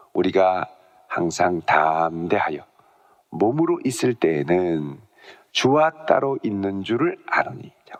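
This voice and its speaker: A middle-aged male pastor preaching a dawn sermon. He tells a story with lively emphasis and often drops to a hushed, near-whispered delivery. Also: on the low side, gravelly. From South Korea.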